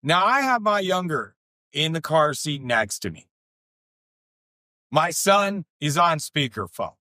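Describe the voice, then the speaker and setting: A middle-aged man speaks slowly and deliberately, leaning on repeated phrases with earnest emphasis. His voice sits a bit high for a man, and the close recording sounds dry with no room around it. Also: sing-song, sharp tone, no echo. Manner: earnest, emphatic repetitions, slow deliberate pauses, occasional swearing. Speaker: podcast speaker. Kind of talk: personal storytelling monologue.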